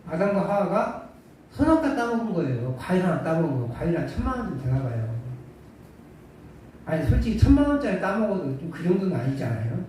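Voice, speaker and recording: Lively, mellow-voiced male pastor. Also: on the high side, a little fast. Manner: conversational, rhetorical questions, dry humor. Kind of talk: sermon. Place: church sanctuary. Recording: echoey church hall from far off, faint hiss.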